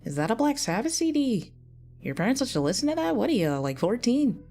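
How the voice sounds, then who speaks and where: A woman's voice: fairly high pitch, sing-song, fairly quick, mellow, soft background music, voice pushed up. Stan, a nasal scruffy guy as a woman narrator puts him on. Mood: offhand nosy. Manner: casual, nosy, offhand. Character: scruffy young adult male entity.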